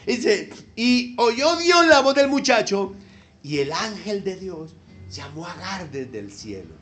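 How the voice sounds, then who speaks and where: Man, pastor, animated sermon, playful asides, very expressive pitch. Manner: animated, jokey preaching with sudden outbursts and laughter; talks to the congregation with tag questions. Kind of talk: Mother's Day sermon.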